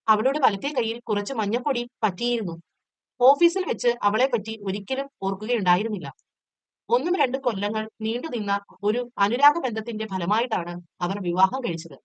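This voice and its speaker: A woman tutor reading a textbook short story aloud in a steady, measured storytelling way. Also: a little high, no room sound.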